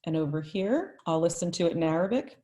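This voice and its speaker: A woman who trains teachers gives a live online tutorial, friendly and chatty, thinking out loud as she goes. Her voice sits on the low side, with lively intonation and a slightly fast pace.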